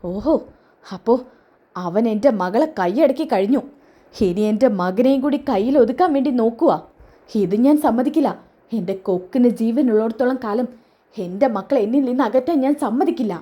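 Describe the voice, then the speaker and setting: A woman voicing a scheming, sharp-tongued middle-aged mother who mutters snide asides, in a retold serial story. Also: a little high, lively intonation, moderate pace. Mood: defiant.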